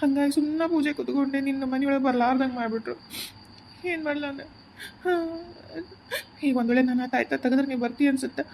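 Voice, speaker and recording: A woman's voice: mid-range voice, fairly even intonation, fast, a little mellow, a little hiss or hum, close to an everyday voice. A woman voicing a grieving young husband in a cartoon who rejects his new wife, with a North Karnataka Kannada accent, bitter and stubborn. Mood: tearful. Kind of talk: cartoon voice acting. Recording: muffled lo-fi home recording.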